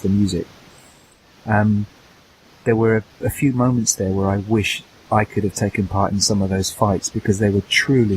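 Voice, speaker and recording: A man with a fairly low voice chats casually on a gaming podcast. He pauses and repeats words as he works out what he means. A light hiss runs underneath. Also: a little mellow, poor audio. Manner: hesitant, restarts and repeats words while thinking. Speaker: podcast co-host.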